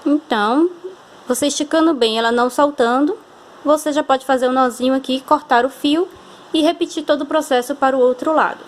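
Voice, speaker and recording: A woman's voice: sits high, brisk. A Brazilian woman teaching a hand-sewing craft lesson, patient and step-by-step, often checking in with the viewer. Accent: Brazilian Portuguese. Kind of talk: hands-on sewing tutorial.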